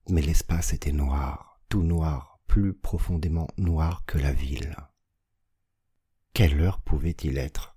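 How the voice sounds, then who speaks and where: A man narrating a classic story in a measured, theatrical reading that swells into loud, urgent passages. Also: sits low, breathy edge. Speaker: audiobook narrator. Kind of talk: dramatic literary reading.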